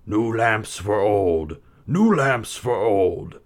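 A man voicing a scheming sorcerer in a storybook reading, calling out in a slow sing-song. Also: fairly low pitch, lively intonation. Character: scheming male sorcerer disguised as old man.

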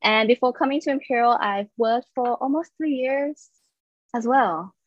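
A woman's voice: fairly high pitch, normal speed, no room sound. Chatty young woman from Thailand, dry sound. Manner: chatty and upbeat, laughs between stories. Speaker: podcast guest. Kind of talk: casual interview chat. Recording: slightly dull dry sound.

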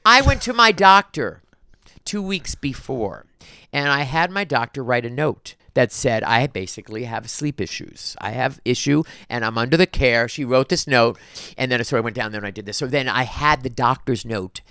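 A man hosting a podcast, telling stories in an animated, casual way with quick restarts and repeated words. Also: mid-range voice, clear, resonant tone, no echo, studio quality. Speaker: podcast host. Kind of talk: casual storytelling chat.

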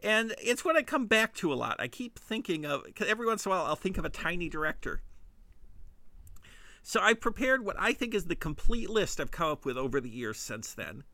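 A man's voice: high voice, very animated, a little fast, pushed and bright, no room sound. A man with a Midwestern accent, hosting a podcast and telling a casual comedic monologue, often breaking into giggles at his own puns. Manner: giggly, self-amused punning. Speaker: podcast host.

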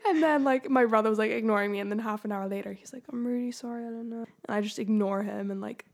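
Gravelly-voiced young woman telling stories. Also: on the high side, brisk. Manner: animated storytelling, many fillers. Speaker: podcast host. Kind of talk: casual chat.

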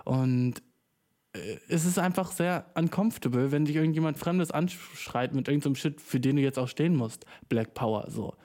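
Young man, German, solo podcast host, slangy, mixes in English, mellow warm tone. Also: on the high side, normal speed. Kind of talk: casual solo podcast monologue. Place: small room, speaking into a microphone.

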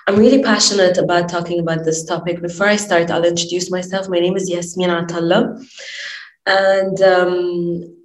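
A woman's voice: lowish voice, little pitch movement, normal speed, echoey room, low-quality recording. A woman from Lebanon, a life coach, speaking earnestly and passionately in a podcast interview, with many fillers.

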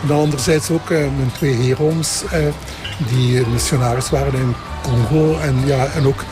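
Older Limburg-accented priest, hesitant. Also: male voice, mid-range voice, steady tone, moderate pace, over music. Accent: Belgian Limburg. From Belgian Limburg, Flanders. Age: 70s. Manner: hesitant, repeats himself. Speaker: parish priest being interviewed. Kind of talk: conversational interview answers.

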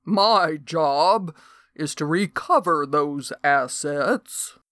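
Calm male federal agent with a slow, unhurried drawl, as read by a woman, in a dry, close audiobook sound. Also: sits low, dry recording, exaggerated voice. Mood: businesslike. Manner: slow, steady drawl with "y'all". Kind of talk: audiobook character voice.

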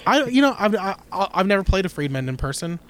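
A co-host on a casual guitar podcast talks in a high-pitched, very animated voice that is a bit bright and a little fast. He chats in a rambling, opinionated way, restarting often.

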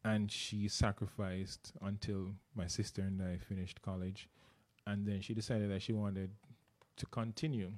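This Jamaican guest, a middle-aged man, has a low, dark voice and a Jamaican accent. He talks earnestly through a casual interview, frequently repeating words as he hunts for what to say.

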